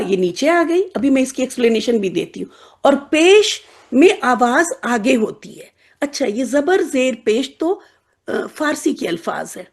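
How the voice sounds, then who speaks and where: This classroom lesson on Arabic letters is led by a woman with a very high voice that sounds slightly mellow and husky. She explains with patience and playful examples, giving the letters personalities and frequently checking on her students.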